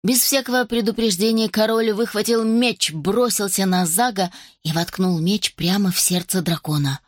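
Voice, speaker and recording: A woman reading a fairy tale aloud in a lively, expressive way. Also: medium pitch, moderate pace, no echo, clean studio sound. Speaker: narrator. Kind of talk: storybook reading.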